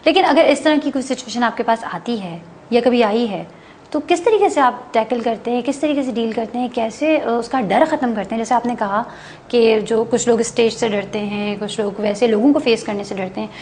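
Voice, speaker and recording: A woman with a Pakistani Urdu accent hosting a morning talk show, chatting lively and murmuring agreement often. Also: fairly high pitch, slight background noise. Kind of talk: casual talk show chat.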